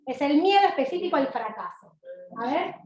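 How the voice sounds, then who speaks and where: A woman lecturer with an Argentine accent, giving an animated university talk and asking her audience questions, recorded in a large lecture hall. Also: sits high, moderate pace, a little hiss or hum. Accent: Argentine Spanish. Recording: roomy hall sound, mic at a distance.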